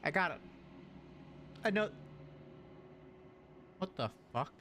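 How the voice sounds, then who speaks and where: A man streaming a video game, commenting live to chat in an excitable way and repeating words in bursts. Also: sits high, takes it slowly, slight background noise.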